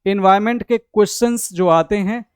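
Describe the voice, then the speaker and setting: A man's voice: high voice, normal speed, clean tone, dry recording, clean studio sound. A young Indian man, a coaching teacher, explaining a study strategy in a conversational, instructive way, mixing Hindi and English.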